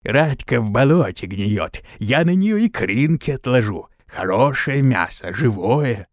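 Brief: gloating swamp kikimora, female, slow hungry drawl, dry close sound; a man acts her out. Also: medium pitch, very animated, no echo.

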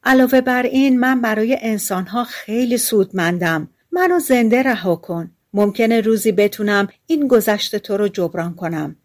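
A woman's voice: medium pitch, expressive, hardly any pauses, close to an everyday voice. A woman voicing a proud stork in a storybook, earnestly asking to be spared. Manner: earnest, persuasive. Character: proud sacred stork, gently dignified.

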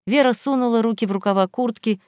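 A woman narrating an audiobook in a steady, dramatic storytelling voice. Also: fairly high pitch, fast, no echo, studio quality.

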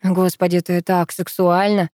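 An ardent, confident young man speaks in an audiobook, as a woman reads his lines. The tone is warm and mellow, and the close mic is dry. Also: fairly low pitch, level tone, measured pace, no room sound, natural voice. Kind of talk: audiobook reading.

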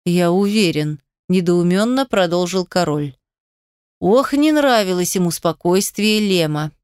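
Woman narrator, audiobook, smooth clear voice, dry close mic. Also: lowish voice, expressive, unhurried, a little mellow, no echo. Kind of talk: audiobook narration in first person.

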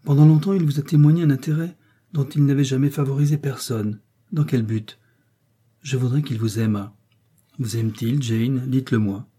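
A man's voice: medium pitch, steady tone, normal speed, warm tone, slightly rough, close to an everyday voice. A man reading an earnest, pleading young woman. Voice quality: urgent, pleading.

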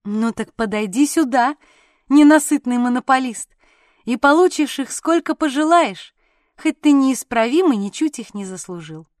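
A woman voicing a gentle, earnest young mother in an audiobook. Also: high-pitched, lively intonation, moderate pace, no room sound, studio quality. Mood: playful.

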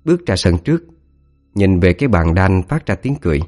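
Deep-voiced storyteller. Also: male voice, fairly quick, faint music behind. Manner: dramatic, expressive storytelling. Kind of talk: scripted narration of a ghost story.

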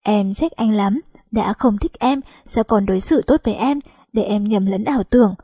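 A woman's voice: medium pitch, moderate pace, warm tone, breathy edge, no echo, studio quality. A woman voicing a timid, hurt young woman who answers in small, hesitant replies, in an audiobook.

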